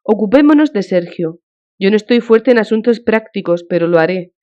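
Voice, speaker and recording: A woman's voice: mid-range voice, lively intonation, moderate pace, warm tone, natural voice. A woman reading an audiobook, voicing a devout countess who speaks in a fervent, consoling, emotional way, on a dull lo-fi recording.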